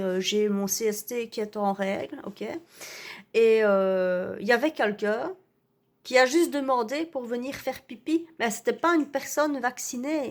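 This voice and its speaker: A woman doing a self-righteous, indignant lady, ranting in a satirical video. Her voice sits a little high, and she stalls on fillers and tag words as she complains. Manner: hesitant, full of "euh" and "hein". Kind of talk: ironic satirical rant to camera.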